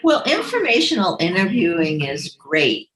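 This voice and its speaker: A woman with a New York accent, a career coach answering questions in a relaxed, conversational way with frequent ums. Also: fairly low pitch, normal speed, roomy sound. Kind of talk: live Q&A advice session.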